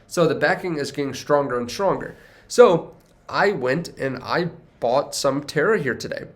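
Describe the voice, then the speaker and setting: A congested young man, stuffy from a cold, hosts a finance video with a fairly high-pitched, expressive voice at an ordinary pace. He talks to the camera casually and upbeat, drifting through tangents and correcting himself along the way.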